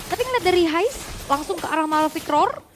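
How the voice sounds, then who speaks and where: A woman's voice: extremely high pitch, animated, fairly quick, a little hiss or hum. A woman giving live esports match commentary.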